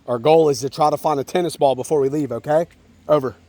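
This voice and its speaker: On noisy outdoor home video, a man chats with his young child at a park while it rains, playful and encouraging, using simple words and frequent check-ins. His voice sits on the high side, mellow and free of echo, and he talks fast.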